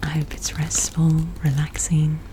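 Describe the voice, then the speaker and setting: Slow, whispering woman doing ASMR. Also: low-pitched. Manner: soft, gentle, unhurried whisper. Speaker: ASMR video host. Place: indoor room with air conditioner running. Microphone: close ASMR microphone. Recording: clear steady background noise. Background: air conditioner noise, tapping and clicking of handled objects.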